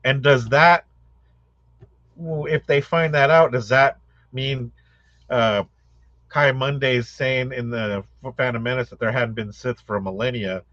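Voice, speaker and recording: A man's voice: medium pitch, steady tone, a little slow, a bit bright, no room sound, highs cut off. A man co-hosting a podcast, raising questions in casual, chatty talk. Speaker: podcast co-host.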